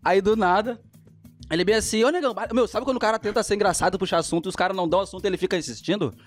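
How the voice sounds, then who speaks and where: A man tells a story in a high, quick voice, full of slang and acted-out quotes. He co-hosts a casual podcast. Faint music runs under the talk. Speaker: podcast co-host.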